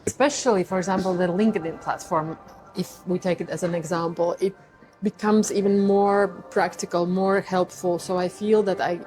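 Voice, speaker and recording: A young woman hosting an interview, reflective and quick to laugh in casual conversation. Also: lowish voice, fairly even intonation, soft background music, poor audio. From Latvia. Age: young adult. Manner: warm, reflective, laughs easily. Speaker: host.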